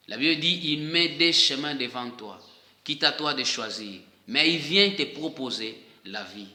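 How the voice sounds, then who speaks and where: A man from DR Congo with a Congolese French accent, preaching a sermon to online viewers. He speaks emphatically, repeats key phrases and pauses often. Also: medium pitch, sharp tone. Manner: emphatic and repetitive, with hesitant pauses. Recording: echoey room with long reverb.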